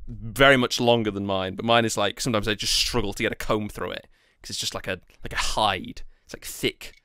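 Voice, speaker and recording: A man's voice: lowish voice, steady tone, fairly quick, bright, forceful tone, clear, resonant tone, no echo, clean studio sound. A young man co-hosting a casual podcast chat, rambling with many fillers and restarts. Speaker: podcast co-host.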